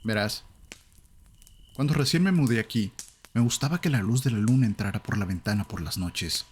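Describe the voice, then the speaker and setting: A man with a Latin American Spanish accent, telling a horror story in calm, measured scripted narration. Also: on the low side, husky.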